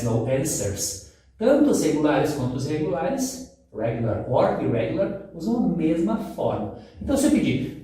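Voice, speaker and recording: A man teaches an English grammar lesson in a mellow, slightly raised voice. He explains patiently, step by step. He sounds set back from the mic in a strongly echoing room. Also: a little high. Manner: patient, explains step by step, switches between English examples and Portuguese. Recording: very echoey room, far from the mic.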